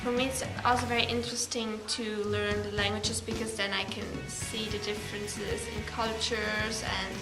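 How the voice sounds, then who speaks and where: The speaker is a Russian-speaking teen exchange student from Belarus, answering interview questions in English with lots of fillers and restarts. Her voice is medium-pitched and level, and she keeps a moderate pace with few pauses. The recording has room echo and background music.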